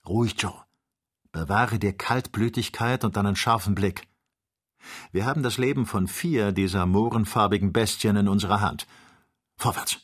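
A man's voice: lowish voice, moderate pace, fairly bright tone. A man doing a terse, commanding hunter. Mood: calm. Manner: terse, firm orders. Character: calm, commanding male hunter. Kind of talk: audiobook character voice.

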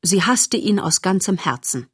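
A woman reading a children's novel aloud as narrator, in a steady, expressive storytelling manner. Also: fairly low pitch, a little slow, husky, no room sound, studio quality.

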